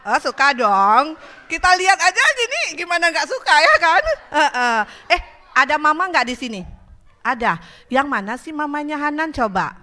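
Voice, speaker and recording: A woman's voice: high voice, lively intonation, normal speed, sharp tone. A young woman hosting a children's radio show, cheerful and coaxing as she talks with small children in the studio.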